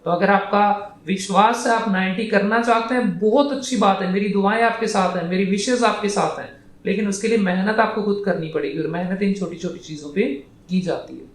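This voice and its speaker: A man's voice: high-pitched, brisk, echoey room. A man coaching students for a speaking exam, blunt and scolding, mixing English phrases into his Hindi. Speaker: PTE speaking trainer.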